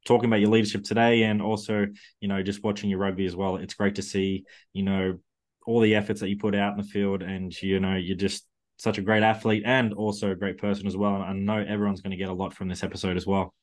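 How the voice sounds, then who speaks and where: Low-voiced man hosting a podcast. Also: little pitch movement, fast talker. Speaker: podcast host. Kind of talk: casual interview chat.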